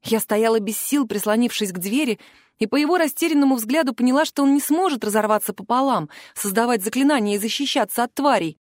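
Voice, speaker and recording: A woman narrating a first-person fantasy audiobook in an expressive, emotional way. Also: on the high side, fast, dry recording, clean studio sound.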